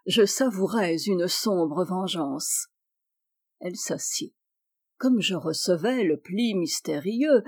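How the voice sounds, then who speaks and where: Slow, theatrical woman reading verse. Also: on the low side, no echo, clean studio sound. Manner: expressive, swinging between hushed asides and bright exclamations. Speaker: reader of a comic verse monologue.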